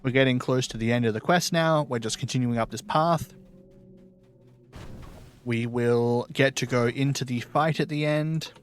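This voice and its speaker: A man streaming a video game, casually explaining the quest as he plays. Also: mid-range voice. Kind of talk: casual gameplay commentary.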